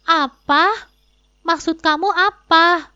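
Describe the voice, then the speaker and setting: A woman's voice: sits high, fairly even intonation, normal speed, a bit bright, lo-fi sound. Woman voicing a lying, defensive husband. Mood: startled. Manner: pleading denials, turning indignant.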